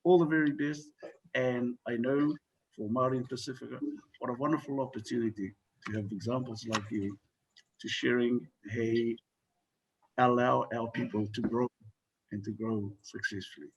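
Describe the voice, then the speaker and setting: A man giving warm, encouraging remarks to a panel over a video call. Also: medium pitch, fairly even intonation, normal speed, breathy edge, lo-fi sound. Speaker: elder guest. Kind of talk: casual remarks.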